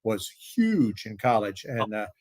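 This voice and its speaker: A man's voice: on the low side, very animated, a little slow, darkish tone, dry recording. Older man recalling sports stories. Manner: storytelling, knowledgeable, hesitant fillers. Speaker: sports talk panelist, former anchor. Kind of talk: casual sports banter.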